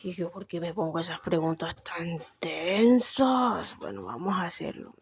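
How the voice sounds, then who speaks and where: Speaking with the Caribbean coast accent of her native Barranquilla, Colombia, this young vlogger talks about herself in a relaxed personal chat full of fillers as she thinks aloud. She has a fairly low pitch, lively intonation and a slightly slow delivery.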